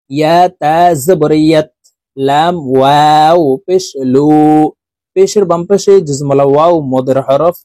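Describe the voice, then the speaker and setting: A man teaching Quran reading, spelling out syllables slowly and adding quicker, quieter explanations. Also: on the high side, dry recording. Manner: drawn-out spelling drills, quicker quieter asides. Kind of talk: slow recited lesson with explanations.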